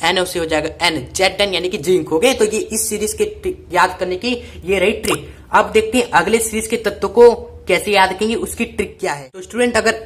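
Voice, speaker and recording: Teacher, woman, repetitive drill-style explainer, mid-pitched. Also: brisk. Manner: repetitive, call-and-response drilling. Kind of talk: chemistry mnemonic lesson.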